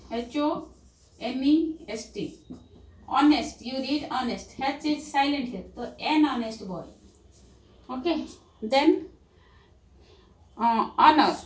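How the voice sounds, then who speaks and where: A woman with an Indian English accent teaching a grammar lesson to children, spelling words out letter by letter. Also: high-pitched. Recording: roomy, distant mic, faint background hum.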